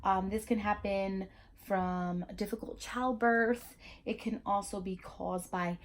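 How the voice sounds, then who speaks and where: This young woman vlogger speaks with a Spanish accent, her medium-pitched voice steady and slow over slight background noise. She gives her viewers a casual educational monologue, talking frankly, swearing freely, and stumbling through plenty of fillers and restarts.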